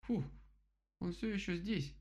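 A man voicing a jittery, panicky male rabbit in a children's storybook, stammering with shrill outbursts. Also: very animated, moderate pace, vocal fry, a little mellow. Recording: slightly dull lo-fi recording.

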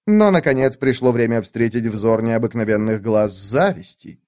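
A man narrates an audiobook expressively in a medium-pitched voice at normal speed. The sound is clean studio quality with no echo.

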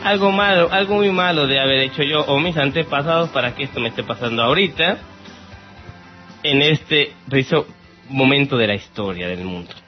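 With a mid-range voice at a moderate pace, a Mexican podcast host answers listener questions in a casual chat, putting on a playful, theatrical, mock-exasperated act. The recording has a muffled lo-fi radio quality, and music plays in the background.

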